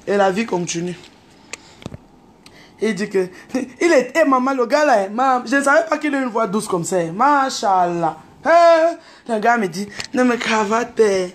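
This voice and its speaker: A woman, telling a story in an animated, unscripted rant to camera and mixing in street slang. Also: a little high. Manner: exclaims and calls out to others. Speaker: online video host.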